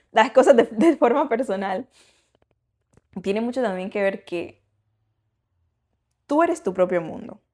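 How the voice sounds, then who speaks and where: A young woman co-hosting a relaxed podcast, talking through a personal story in an animated, rambling way. She restarts her sentences and leans on fillers as she goes. Her voice sits at an ordinary middle pitch. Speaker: podcast co-host. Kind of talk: casual chat.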